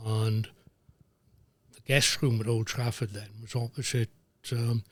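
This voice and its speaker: An older man, a former referee telling lively anecdotes as a guest, dropping into voices for the people he quotes. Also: mid-range voice, measured pace, no room sound. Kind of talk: anecdotal storytelling.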